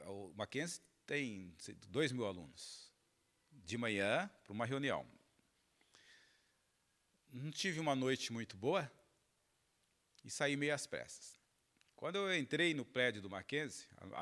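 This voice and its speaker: A man's voice: medium pitch, sharp tone. A middle-aged man from Minas Gerais, a pastor telling a personal story during a sermon, acting out the dialogue and laughing along. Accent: Minas Gerais Portuguese.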